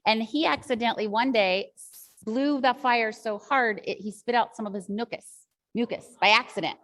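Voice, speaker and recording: A woman's voice: a little high, normal speed, fairly bright tone. Chatty woman teacher telling a classroom story. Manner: chatty, rambling storytelling with many asides. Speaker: teacher trainer. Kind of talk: teaching workshop talk.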